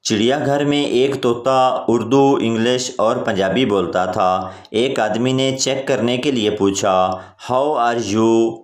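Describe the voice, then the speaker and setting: Male joke narrator, slow plain delivery, roomy recording. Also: medium pitch. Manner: plain storytelling delivery, voicing each character in the same voice. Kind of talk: reading jokes aloud. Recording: roomy echo.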